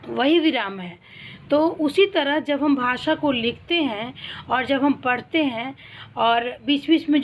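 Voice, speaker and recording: A woman teaching a primary school Hindi class, explaining slowly and asking questions that she answers herself. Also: a little high, lo-fi sound. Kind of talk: online class lesson.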